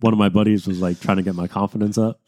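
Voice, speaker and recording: A young man on a podcast, telling a story in a laid-back way, with many fillers and pauses. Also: lowish voice, fairly even intonation, darkish tone. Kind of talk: casual chat.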